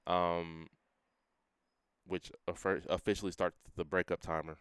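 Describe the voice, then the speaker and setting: A young man sharing a personal testimony in a casual interview, earnest and full of everyday slang, quoting himself in a quieter voice. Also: deep voice, flat delivery, measured pace, clear, resonant tone, dry recording, clean studio sound. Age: young adult. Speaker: guest sharing his testimony.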